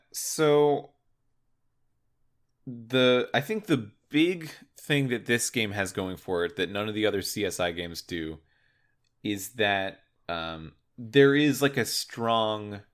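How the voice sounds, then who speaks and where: Guy on a podcast, lowish voice, rambly casual explaining with lots of stops and starts. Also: fairly bright tone. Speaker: podcast co-host. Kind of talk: casual game discussion.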